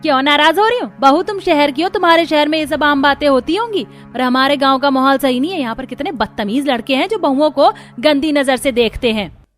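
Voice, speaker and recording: A woman's voice: on the high side, brisk, few pauses, lightly acted. A woman voicing a strict older village mother-in-law in a cartoon, scolding and commanding. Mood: angry. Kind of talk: cartoon dubbing.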